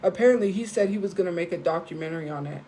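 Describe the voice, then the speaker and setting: A woman's voice: on the low side, very fast, dark tone, slight background noise, low-quality recording. Heated woman streamer venting to viewers. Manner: heated and defensive, talks straight to viewers. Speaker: live streamer. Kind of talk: casual live-stream rant.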